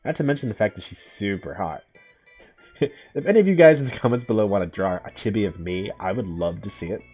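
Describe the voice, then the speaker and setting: A man's voice: on the low side, expressive, fast, dark tone, breathy edge, faint music behind. A man hosting a let's play of a visual novel, reading the story aloud dramatically and adding joking asides. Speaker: gaming channel host.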